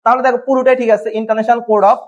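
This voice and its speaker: A man with a high voice teaches a biology class at a board. He asks his students questions and answers them himself, spelling out terms letter by letter. The recording is dull and lo-fi. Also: little pitch movement, racing. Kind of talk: classroom lesson.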